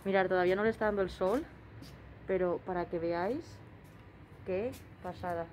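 A woman's voice: fairly low pitch, moderate pace, darkish tone, low-quality recording. A young woman from Spain talking through a face mask, chatting eagerly to her viewers outdoors on a city terrace. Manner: enthusiastic, addressing viewers directly. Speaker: travel vlogger. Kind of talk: casual food and travel vlog. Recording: noticeable street noise.

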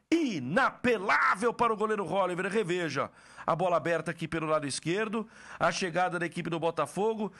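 Brazilian male play-by-play caller, very high bright voice, explosive goal commentary with drawn-out shouts.

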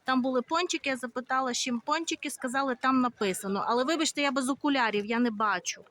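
Filming a walking tour vlog on a handheld phone outdoors, a woman from Ukraine chats casually through resort streets with fillers. She talks quickly in a high-pitched, somewhat bright voice.

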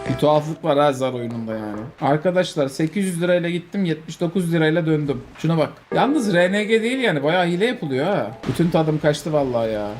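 A man giving casual, joking commentary while playing a game, quick to exclaim and swear. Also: fairly high pitch, expressive, a little mellow, faint music behind. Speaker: streamer.

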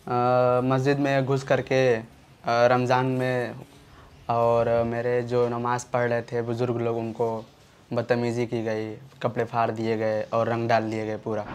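A young man from Uttar Pradesh, a student, speaking plainly and haltingly in an interview, in a resigned tone. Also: mid-range voice, clean tone. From Ghazipur, Uttar Pradesh, India. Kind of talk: casual interview.

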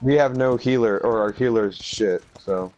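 A man making offhand, low-key remarks while gaming with friends. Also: normal speed, darkish tone, dull audio. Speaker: friend playing along. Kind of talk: casual gaming chat.

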